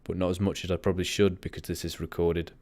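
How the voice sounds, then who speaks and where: A man with a deep, low voice talks in a flat monotone during a casual livestream. He rambles and keeps getting sidetracked. The sound is close and dry, with no room echo. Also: quick pace. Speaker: livestream host.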